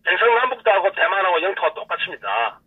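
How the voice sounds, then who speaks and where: Man, Gyeongsang dialect, high husky voice, heated repetitive rant, tinny distant phone line. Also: big pitch swings, fast. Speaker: caller. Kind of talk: call-in rant. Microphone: telephone.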